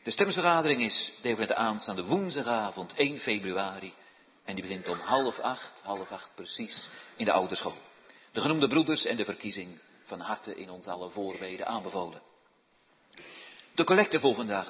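A man leading a church service, praying, reading scripture in a solemn, measured voice and giving announcements. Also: on the low side, expressive. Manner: solemn, measured reading in old-style Bible Dutch. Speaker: pastor. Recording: dull sound with long church reverb.

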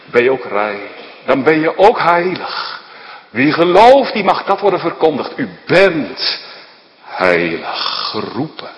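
A man's voice: sing-song, takes it slowly, dull audio. Man preaching in an echoey church. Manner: impassioned preaching, swinging between loud rising declarations and low hushed questions. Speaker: pastor. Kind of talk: sermon. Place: church hall. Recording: echoey church hall, long reverb.

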